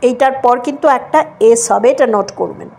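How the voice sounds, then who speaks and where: A woman gives an English vocabulary lesson in a high voice. She spells words out letter by letter and often stops to check that her students follow. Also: a little fast, gravelly, mellow. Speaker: English teacher. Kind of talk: Bengali-language English lesson.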